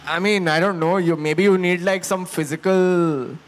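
A 29-year-old man, an actor answering in a hesitant, deadpan way. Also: high voice, moderate pace, a little hiss or hum. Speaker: actor on a panel. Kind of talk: casual panel chat.

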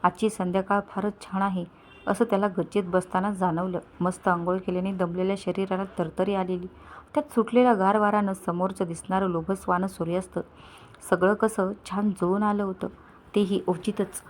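A woman's voice: mid-range voice, fairly even intonation, moderate pace, darkish tone, a little hiss or hum. A woman reading a family story aloud as a scripted narration, voicing the characters' lines herself. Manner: reads all characters' dialogue in a lightly shifted voice.

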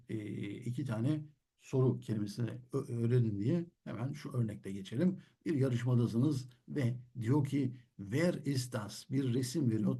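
Husky, lively man teaching. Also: medium pitch. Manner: explains patiently, asks and answers his own questions. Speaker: German teacher. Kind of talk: classroom-style language lesson.

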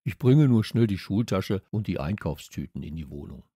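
A man's voice: low voice, expressive, moderate pace, warm tone, breathy edge, no room sound, studio quality, heavily acted. A man voicing a good-natured schoolboy in a children's audiobook, talking in loose street slang. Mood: casual.

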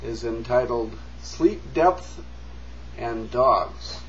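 An older man reading his own poem in an interpretive recital, with deliberate, theatrical phrasing. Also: mid-range voice, animated, recorded from a distance. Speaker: poet reading own work. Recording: dull lo-fi recording with clear hum.

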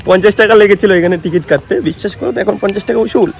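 A young man from West Bengal, India, vlogs on a handheld phone at a lakeside park by the street, his high voice racing along very fast. He's chatty and playful, calling his viewers "brother" as he narrates casually.

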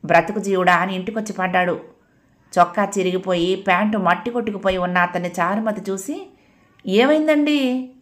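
Expressive woman storyteller. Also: fairly low pitch, quick pace. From Andhra Pradesh. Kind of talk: storytelling narration.

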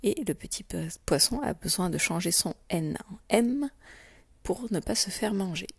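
A woman teacher giving a slow, clear spelling dictation to young children, repeating each item and stressing its sounds. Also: medium pitch, lively intonation, no echo. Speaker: primary school teacher.

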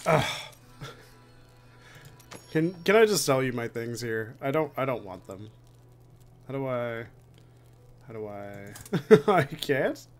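A man's voice: mid-range voice, lively intonation, slow pace, pauses often. A young man giving casual, sweary, joking commentary as he plays a game. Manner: sweary, joking, reacting aloud. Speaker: gamer commentating a playthrough. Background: game music.

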